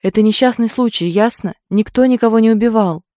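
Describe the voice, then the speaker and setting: Firm, commanding man, as a woman voices him; dark, mellow tone, dry recording. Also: fairly low pitch, a little fast, dry recording, natural voice. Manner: firm, barking orders. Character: stern commanding man, protective older brother.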